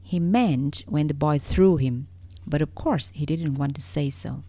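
A woman storyteller reading a soothing bedtime story in a soft, hushed, half-whispered voice. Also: low-pitched, measured pace, no room sound.

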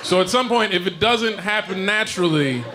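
This comedian's voice is high and animated, moving at a moderate pace as he trades dry, sarcastic banter with the crowd at a comedy club. It's a live album taken from a stage microphone, with loud crowd noise and laughter from the audience behind him.

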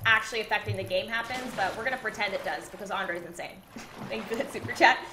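A female gaming streamer with a medium-pitched, pushed, bright voice talks quickly while playing a survival game with her partner, chatting casually in let's-play style. She's bubbly, reads donations aloud and thanks viewers with jumpy exclamations. The audio is reverberant with a little hiss or hum.

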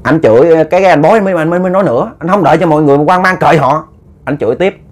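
A man telling a ghost story casually, animated and often stammering through repeated words as he acts out quoted scolding. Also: on the high side, racing.

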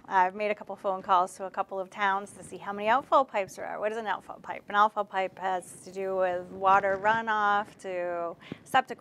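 A woman's voice: medium pitch, fairly bright tone. A woman, hosting an interview in an informal, chatty way. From Cape Cod, Massachusetts. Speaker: talk show host. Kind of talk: conversational interviewing. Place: indoor studio set lined with bookshelves.

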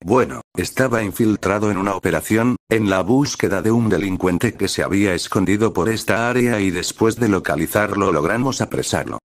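Man voicing a polite young officer, deep, dry, faint music. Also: brisk, few pauses, no echo, lightly acted.

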